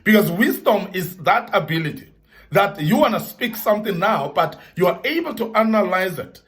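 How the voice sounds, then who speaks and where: A man's voice: high voice, lively intonation, moderate pace, fairly bright tone. A man giving an earnest motivational talk to young men, repeating key points for emphasis and citing the Bible.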